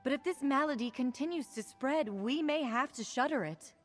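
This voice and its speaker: A caring, slightly stern healer woman from a fantasy game. Her voice sits a little high and she speaks in a measured, polite, earnest manner. Soft music plays under her. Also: expressive. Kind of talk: video game quest dialogue.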